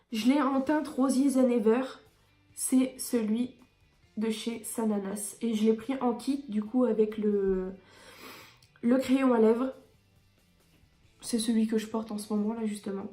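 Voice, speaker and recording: A woman's voice: fairly high pitch, warm tone. Chatty woman beauty vlogger, echoey room. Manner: chatty, enthusiastic, frequent hesitations. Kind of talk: casual product review.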